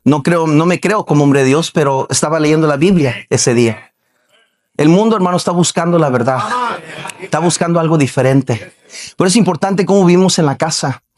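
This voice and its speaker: A man's voice: fairly high pitch, brisk, a little mellow. Man preaching a Baptist sermon. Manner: conversational preaching with rhetorical questions to the congregation. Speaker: pastor. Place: church sanctuary.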